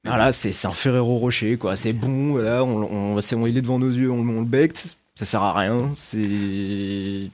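A man talks through a film review in a loose, conversational way, often stopping, restarting and filling pauses. His voice sits at an ordinary middle pitch for a man. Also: steady tone, darkish tone. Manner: chatty, hesitant, many restarts and fillers. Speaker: film critic. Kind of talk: casual round-table film review.

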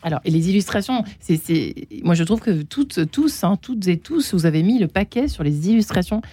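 A woman's voice: fairly low pitch, animated, normal speed, warm tone. A woman hosting a radio talk show in a studio, enthusiastic and chatty with many fillers. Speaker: radio host. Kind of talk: casual studio chat.

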